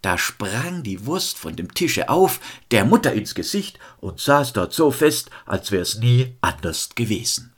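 Husky, expressive male storyteller. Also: on the low side, a little slow, hardly any pauses. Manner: lively, expressive. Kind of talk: fairy tale storytelling.

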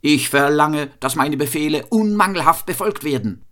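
A man voicing a cantankerous, fault-finding master shoemaker, scolding in a high nagging tone in a fairy tale reading. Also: very animated, normal speed, fairly bright tone. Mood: outraged.

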